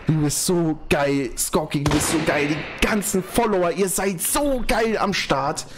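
A man's voice: a little high, a little slow, background noise. Overjoyed young male streamer, shaky voice. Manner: overjoyed, slangy, constant exclamations. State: trembling voice. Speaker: live streamer. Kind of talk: excited live stream reaction. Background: music.

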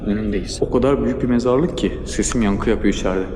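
Fast-talking man whose voice echoes from a stone tomb. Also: lowish voice. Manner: curious, thinking aloud, talks to the viewers. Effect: voice echoing back from inside a large stone tomb. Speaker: travel vlogger. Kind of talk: casual walking tour commentary. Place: outdoor cemetery among large tombs. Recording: noisy outdoor ambience.

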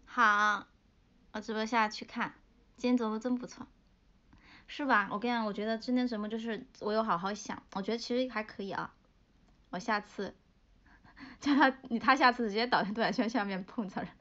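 A young woman in her twenties chatting playfully with fans on a livestream, giggling as she tells a joke haltingly. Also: fairly high pitch, fairly even intonation, bright, forceful tone. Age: 20s. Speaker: livestream host. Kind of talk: casual livestream chat with fans. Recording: dull lo-fi livestream audio.

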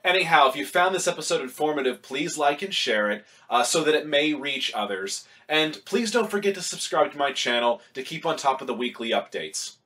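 A man's voice: fairly high pitch, animated, a little fast, hardly any pauses, pushed and bright, slight background noise. A young man on his fitness vlog, reading a scripted commentary with emphatic, blunt asides, filmed on a webcam in a home kitchen. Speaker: vegan fitness vlogger.

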